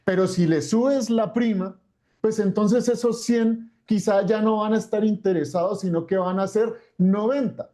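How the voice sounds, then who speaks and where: A man's voice: high voice, dark tone. A man lecturing off the cuff as an expert, explaining step by step and repeating phrases for emphasis. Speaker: expert speaker.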